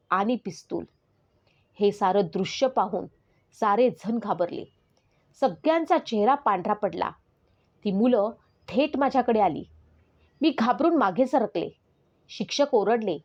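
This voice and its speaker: Murdered schoolgirl's spirit, voiced by a woman, solemn, pleading, mid-pitched, slightly muffled recording. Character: murdered teenage schoolgirl's spirit, grieving and earnest. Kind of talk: scripted first-person dramatic narration.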